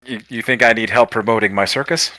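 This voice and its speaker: A man voicing a sly, teasing male circus ringleader who talks down to a young performer with smooth, patronizing calm. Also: mid-range voice, fast talker, no echo, pitched below the performer's own voice, natural voice. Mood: accusing. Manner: accusing, then smoothly patronizing.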